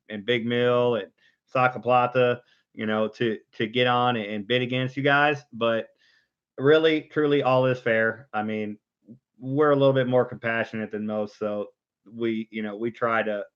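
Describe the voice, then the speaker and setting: A man's voice: mid-range voice, steady tone, normal speed, a bit bright, clean tone. Man running a casual auction, dull lo-fi sound. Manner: repetitive, rhythmic bid calling alternating with informal rambling. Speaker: auctioneer and stream host. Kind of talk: live online coin auction, casual chat with repeated bid-calling chant.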